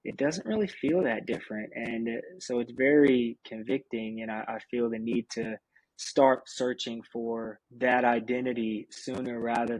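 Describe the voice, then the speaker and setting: A man's voice: medium pitch, no echo, rough recording. A man hosting a podcast, talking in a reflective, earnest way before asking a question. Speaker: podcast host. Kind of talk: reflective interview talk.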